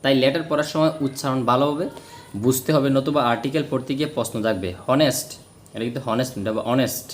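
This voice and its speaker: A man's voice: medium pitch, fast. Guy teaching english basics, asks himself questions then answers, some light hiss behind. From Bangladesh. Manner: explains step by step, asks and answers own questions. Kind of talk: spoken grammar lesson.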